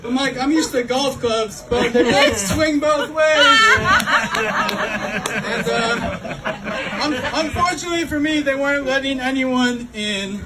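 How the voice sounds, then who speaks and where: A man doing a stand-up comedy set with a halting delivery, full of ums and uhs. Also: extremely high pitch, heavy background noise. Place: comedy club stage before a laughing crowd. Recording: distant room recording with loud crowd laughter.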